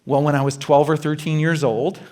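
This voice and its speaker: A middle-aged male pastor from Canada preaching a sermon, animated, acting out worried self-talk and dropping quiet for questions to the listener. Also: a little fast. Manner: animated, acts out anxious self-talk with rising pitch. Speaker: guest pastor.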